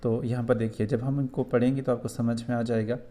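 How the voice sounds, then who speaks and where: A man's voice: medium pitch, level tone, fairly quick, mellow. A man with a Kashmiri accent who teaches a school lesson, explaining answers patiently and repeating points for young students.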